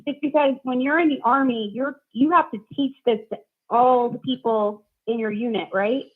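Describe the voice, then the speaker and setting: A woman's voice: fairly high pitch, steady tone, moderate pace, husky. A woman calling in to a live stream for a casual political discussion, rambling and searching for words, on narrow call audio.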